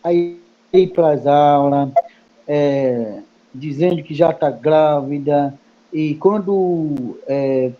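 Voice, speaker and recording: A man whose first language is Kayapó speaks in Portuguese as a guest in a study group meeting. He explains slowly and haltingly, repeating words between many fillers. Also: a little high. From Brazil. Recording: muffled lo-fi recording.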